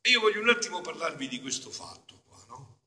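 A man, a friar, preaching a homily in a casual, emphatic way, often checking in with his listeners with a quick question. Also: a little high, very animated. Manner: emphatic, keeps asking the congregation "no?"; swells loud on key phrases, then drops to quiet asides. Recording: long church reverb.

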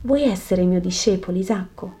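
A calm male teacher speaks softly and patiently, slow and tender, voiced by a woman narrator. The tone is mellow and low-key, as if reading from a devotional book. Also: natural voice. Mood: gentle, solemn. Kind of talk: scripted reading of a religious narrative.

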